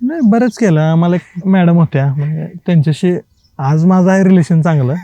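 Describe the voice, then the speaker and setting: In a casual podcast interview, a male writer recounts animated anecdotes from his college days, acting out conversations colloquially and laughing frequently. He talks briskly in a fairly high voice, captured in a dry recording.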